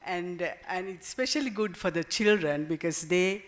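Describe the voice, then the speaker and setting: Woman, 60s, Sri Lankan accent; keynote speaker, hesitant and explanatory, pausing often. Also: lowish voice. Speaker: keynote speaker, retired botany professor. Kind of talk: conference keynote speech.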